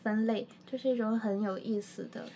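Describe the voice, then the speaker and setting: A woman's voice: a little high, steady tone, brisk, dark tone, a little hiss or hum. A woman hosting a podcast in casual chat, playfully prompting her partner along. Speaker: podcast host. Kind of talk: casual chat, introducing the show.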